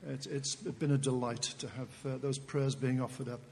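A man's voice: mid-range voice, steady tone, normal speed, vocal fry, a little mellow. A man making an informal announcement to a church congregation, polite and a little hesitant. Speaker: church member giving a notice. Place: church hall or sanctuary. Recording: reverberant hall with faint background noise.

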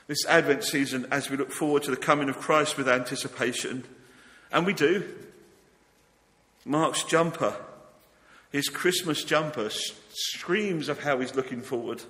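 A man preaching a sermon to a congregation in an earnest, rhetorical way with deliberate phrasing. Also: medium pitch, a bit bright. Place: church, speaking to a congregation. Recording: long echo of a large hall.

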